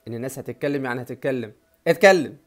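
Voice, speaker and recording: An energetic young man with an Egyptian Arabic accent gives an English lesson. He stretches out each English word slowly and has the viewers say it back after him. His voice sits at an ordinary middle pitch for a man. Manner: energetic, drills words slowly and asks viewers to repeat. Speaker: English teacher.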